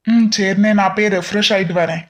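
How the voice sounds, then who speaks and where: A woman's voice: mid-range voice, steady tone, fast talker, noisy background, natural voice. A woman voicing a brusque but caring young husband in a cartoon family drama. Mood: curt. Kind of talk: cartoon voice acting.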